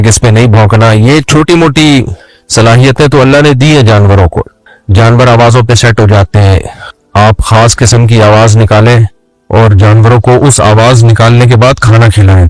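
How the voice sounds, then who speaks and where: A man's voice: mid-range voice, dry recording, poor audio. A man giving a religious lecture in a conversational way, often putting rhetorical questions to his listeners. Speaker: Islamic preacher.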